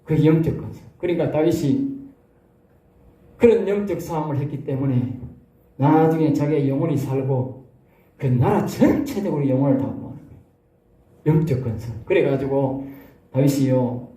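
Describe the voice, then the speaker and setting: A man with a Gyeongsang accent preaches a sermon in a high, mellow voice. He talks in a folksy, animated way and keeps checking in with the congregation through short tag questions. An echoey church hall carries his voice. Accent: Gyeongsang Korean. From South Korea. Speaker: pastor.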